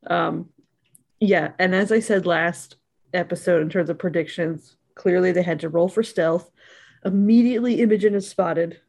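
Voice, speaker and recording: A woman co-hosting a podcast, chatting casually about a tabletop game show and acting out the players in high voices. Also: moderate pace, gravelly, darkish tone. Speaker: podcast co-host. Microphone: podcast mic.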